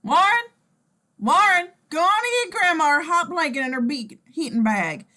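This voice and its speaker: A woman's voice: high-pitched, very animated, a little fast, pushed and bright, full character voice. A woman playing a fussing grandmother and nurse in her sixties, coaxing her grandson with folksy pet names. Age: 60s.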